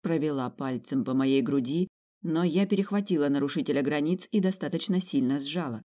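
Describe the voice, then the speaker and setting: A woman reading an audiobook aloud, telling a story in the first person with a wry, lively manner. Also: low-pitched, fairly quick. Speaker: audiobook reader. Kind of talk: first-person narration of a fantasy romance.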